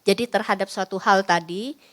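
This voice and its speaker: A woman's voice: mid-range voice, moderate pace. A woman psychologist giving a parenting class in a chatty, teasing way, often acting out lines of parents and children. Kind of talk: parenting seminar talk.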